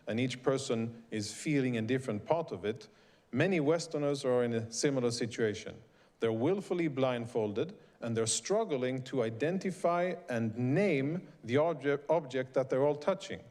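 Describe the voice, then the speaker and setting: Addressing a live audience as an invited guest, a middle-aged man from Sweden reads out a prepared speech with deliberate emphasis. He speaks in a mid-range, slightly mellow voice.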